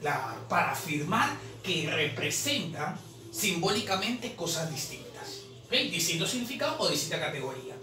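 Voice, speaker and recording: Very animated and high-voiced, a man explains the answers to a language exam, drawing out and repeating syllables. It's an exam solution lesson recorded on a distant mic in a roomy space with a little background noise.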